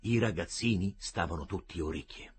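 Husky-voiced man narrating a story. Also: deep voice, normal speed. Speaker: audiobook narrator. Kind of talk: scripted narration.

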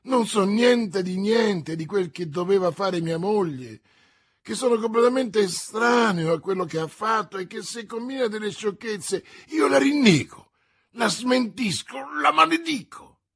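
A man voicing a frantic, whining middle-aged male prisoner with a husky voice who pleads in panic. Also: normal speed, hardly any pauses, darkish tone, no echo, studio quality. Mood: pleading. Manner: pleading, panicky, shrill outbursts.

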